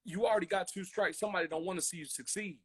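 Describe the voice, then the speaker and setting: Racing along in a high, slightly rough voice, an American co-host drives an informal, heated podcast with emphatic delivery, repeated phrases and acted-out hypothetical quotes. He grew up a military kid in Germany, Colorado and Hawaii.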